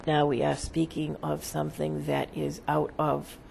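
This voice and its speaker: Seance medium channeling, gravelly fry, halting solemn delivery, formal phrasing, faint background noise. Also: mid-range voice, completely flat delivery, darkish tone. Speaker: seance medium, trance channeler speaking as a spirit. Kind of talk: seance medium trance channeling, answering questions as a spirit.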